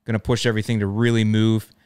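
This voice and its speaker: A man's voice: lowish voice, flat delivery, fast, a little mellow, smooth, no echo, clean studio sound. A man hosting a how-to show, giving casual advice with emphatic, pushy enthusiasm. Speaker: host of a lawn care show.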